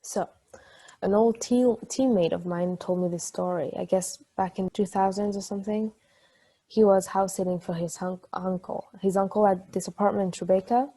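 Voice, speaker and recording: A woman reads a playful, chatty married ex-athlete at a casual stage play table read, telling stories animatedly and swearing. Her mid-range voice is close to an everyday one, at normal speed.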